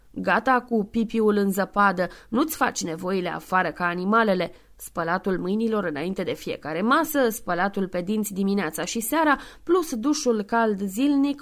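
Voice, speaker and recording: A woman reading a novel aloud as an audiobook in a measured, clear way, including spoken footnotes. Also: medium pitch. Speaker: audiobook reader. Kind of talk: scripted narration.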